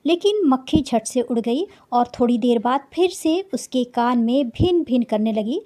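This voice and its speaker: A woman's voice: fairly high pitch, animated, measured pace, warm tone. A woman teacher reading a children's story aloud and patiently explaining the meaning of each word.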